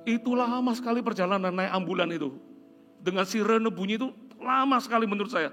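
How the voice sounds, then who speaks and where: A middle-aged pastor from Indonesia preaches with an earnest storytelling voice, pitched a little high for a man. He sinks into soft, prayerful tones. Guitar music plays clearly behind him. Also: fast. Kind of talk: sermon.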